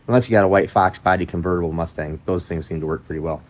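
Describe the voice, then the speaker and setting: The host of an engine-building video channel talks to viewers in his engine workshop with a low-pitched voice at a quick pace. His casual shop talk rambles as he thinks aloud, often trailing off mid-sentence.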